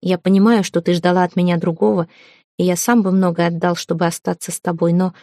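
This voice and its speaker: A woman's voice: lowish voice, flat delivery, fast, mellow, no room sound, studio quality, lightly acted. A woman reading the part of a proud, hot-tempered young prince who turns from irony to stern pleading. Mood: tender.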